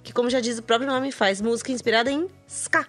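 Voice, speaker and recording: A woman's voice: on the high side, steady tone, fast. A woman co-hosting a radio music show, introducing a band in light, playful banter. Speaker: radio host. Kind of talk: casual radio chat introducing songs.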